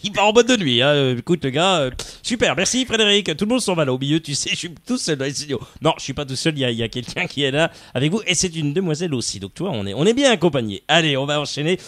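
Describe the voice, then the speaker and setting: A man's voice: a little high, lively intonation, quick pace, few pauses, a bit bright, no room sound. A male radio host leading a live sports talk show in a studio, playful and exclamatory, with lots of fillers.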